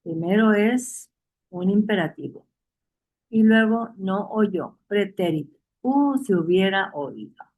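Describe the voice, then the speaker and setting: Woman Bible teacher, mellow warm tone, repeats points, quizzes the class. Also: medium pitch, expressive, takes it slowly, rough recording. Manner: reads verses aloud and asks the class questions; repeats key phrases for emphasis.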